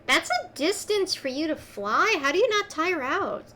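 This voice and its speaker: A woman's voice: very high-pitched, expressive, moderate pace, pushed and bright, full character voice. A woman voicing a sweet, friendly female cookie creature in a tabletop game, polite and chatty.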